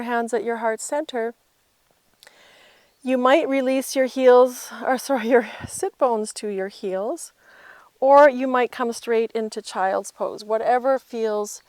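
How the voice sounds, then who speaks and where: Higher-pitched woman guiding a yoga class. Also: clear, resonant tone, no echo. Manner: gentle cueing while demonstrating the poses herself. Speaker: yoga instructor. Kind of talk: guided yoga class instruction.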